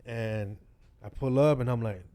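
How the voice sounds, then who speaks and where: A man's voice: mid-range voice, a little slow, dark tone. A man guest on a chat show, telling stories in a laid-back, slang-heavy way and laughing along. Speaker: guest rapper. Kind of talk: casual storytelling chat.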